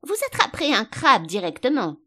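A cross old female sheep knitting behind her shop counter, snapping orders in a high, loud voice, as a woman narrator puts her on. She scolds and huffs in a bossy storybook way. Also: big pitch swings, fairly quick, exaggerated voice. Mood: scolding.

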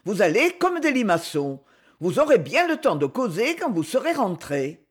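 A man's voice: high voice, wildly swooping pitch, normal speed, slightly rough, heavily acted. A man voicing a fearful, grumbling old male chiseler, exasperated in a storybook reading.

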